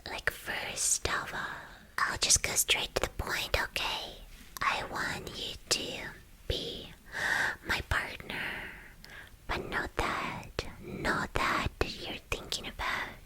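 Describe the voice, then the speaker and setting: In an ASMR roleplay, a woman plays a playful, boastful young female villain, whispering breathily and teasingly in halting, repeated phrases. Her tone is pushed and bright with a playful, coaxing mood, on a rough recording.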